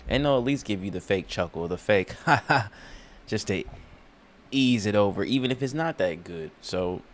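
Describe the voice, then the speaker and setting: A man's voice: fairly low pitch, animated, fairly quick. A man streaming a reaction video, chatting casually in a laid-back, slangy way.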